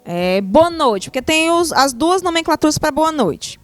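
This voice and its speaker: A woman's voice: sits high, sing-song, measured pace, no echo, faint music behind. A young woman, hosting a TV talk show in a playful, upbeat way and asking guiding questions. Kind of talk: casual studio interview.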